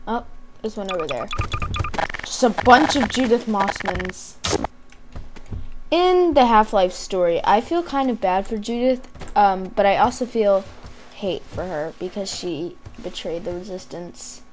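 With soft music in the background, a woman hosts a gameplay video and thinks aloud at a measured pace, her medium-pitched voice expressive but fading. Losing her voice, she clears her throat often, and hiss and keyboard and mouse clicks run underneath.

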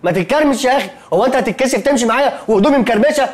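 An actor playing a nervous young man with an Egyptian accent, protesting in quick, anxious bursts in a film comedy. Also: very high-pitched, lively intonation. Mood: bickering, jittery. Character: jumpy nervous young man sharing a hospital room.

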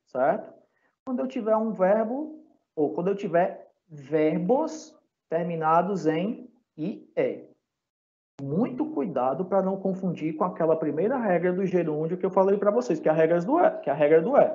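A man with a Brazilian Portuguese accent teaches an English lesson in a recorded online class, held from a classroom or home. He patiently spells out letters and keeps checking that students follow. His fairly high voice is mellow, with the highs cut off.

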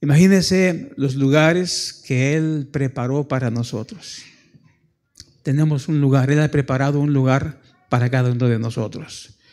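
Man preaching with sudden loud rises. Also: medium pitch, measured pace. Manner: calls listeners "hermanos" and asks for amen. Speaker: pastor. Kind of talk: sermon. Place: church.

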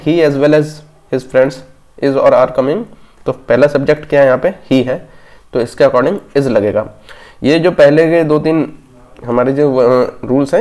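A man's voice: mid-range voice, moderate pace, darkish tone. A man teaching exam grammar rules, explaining step by step and often checking in with listeners. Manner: explanatory, repeats "theek hai" as a check-in. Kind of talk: exam grammar lesson in Hindi-English mix.

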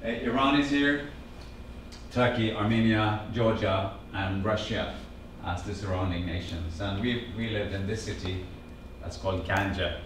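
An unhurried, fairly low voice belongs to this man in his fifties from Norway, who has a Norwegian accent. Gesturing as he talks, he animatedly relates a personal story to a small audience, quoting his family's words. The distant camera, with no mic visible, records an echoey classroom-sized meeting room with a projector screen and a steady background hum.

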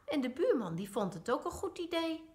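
A woman playing an eager, excited little boy from a storybook. His voice jumps high and swings all over. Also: moderate pace.

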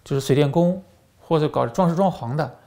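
In a slightly high, dark-toned voice at a brisk pace, a commentary channel host who used to be a journalist delivers a political monologue. His storytelling is animated, peppered with fillers and repeated words.

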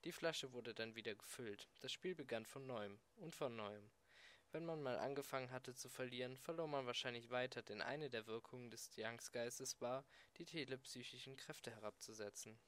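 A man narrating an amateur audiobook in a plain, even storytelling read. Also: medium pitch, normal speed. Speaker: audiobook reader.

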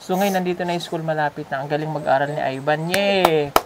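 Over very noisy audio, a woman with a deep voice talks fast. She's a vlogger visiting a sponsored child, casually chatting with the family at their home and coaxing and teasing them with many questions.

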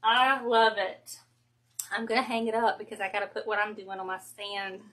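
A woman with a Southern Georgia accent hosting a casual wreath-making livestream, chatty and gushing, quick to laugh, speaking into a phone at home. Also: medium pitch, flat delivery, a bit bright.

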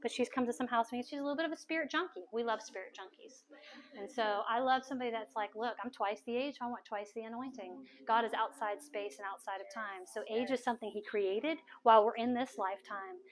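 A middle-aged woman minister praying over people at a house meeting, soft-spoken and coaxing, often repeating her phrases. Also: on the high side, fast talker. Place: large living room full of people.

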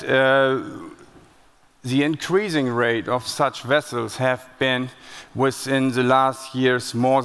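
A man's voice: mid-range voice, fairly bright tone, smooth. German-accented man speaking in a hall. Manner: plain-spoken, with frequent hesitations and restarts. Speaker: conference speaker. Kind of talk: conference presentation. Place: large conference hall stage. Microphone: headset. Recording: long hall reverb.

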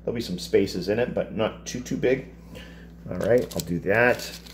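A man's voice: lowish voice, moderate pace, a little hiss or hum. Chatty man demonstrating in a kitchen. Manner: relaxed, chatty, explains step by step. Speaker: cooking teacher. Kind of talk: casual cooking demonstration. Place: home kitchen, indoors. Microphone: camera across the counter.

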